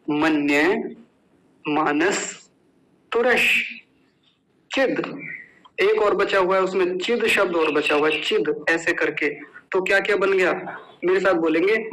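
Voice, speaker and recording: Slow, high-voiced patient male teacher. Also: fairly bright tone, poor audio. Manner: patient, drills words syllable by syllable. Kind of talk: slow, careful recitation lesson.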